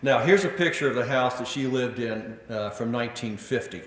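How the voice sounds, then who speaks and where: A man giving a public history lecture, telling stories with animated delivery and acting out quotes, with frequent filler words. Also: mid-range voice, moderate pace, slight background noise. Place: lecture room. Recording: echoey lecture hall.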